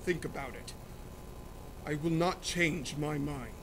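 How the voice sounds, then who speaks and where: A man playing a furious, domineering middle-aged nobleman who blusters and shouts threats at his daughter. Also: on the high side, slow pace, background noise. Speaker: student actor in a school reading.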